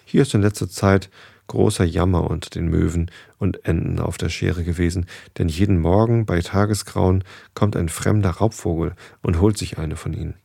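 A man's voice: sits low, steady tone, moderate pace, creaky, warm tone, breathy edge, no echo, clean studio sound, full character voice. A man reading as a fretful goose sister. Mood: worried. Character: anxious gossiping goose sister.

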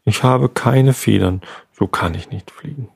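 A cheeky young rabbit, as a man reads him out, bold and a little rude in a storybook tale. The voice is gravelly and slightly husky, close and dry. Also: on the low side, moderate pace, a little mellow, dry recording. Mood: unsure. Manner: cheeky, insulting. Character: cheeky young male rabbit who wants to fly.

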